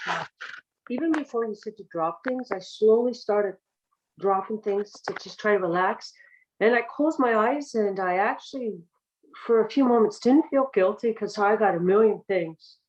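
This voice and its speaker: A woman speaks over a group voice call, her voice coming through dull and lo-fi. She talks in a calm, reflective way, sharing as a participant in a meditation session. She sounds thoughtful and restarts a few phrases as she goes. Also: medium pitch, normal speed. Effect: heard over a group voice call.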